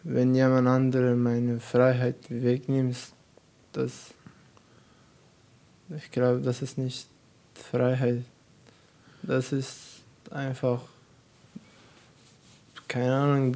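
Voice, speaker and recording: Slow, monotone teenage boy from Afghanistan. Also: medium pitch. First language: not German. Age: teens. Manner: halting, searching for words. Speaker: guest. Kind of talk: youth radio discussion.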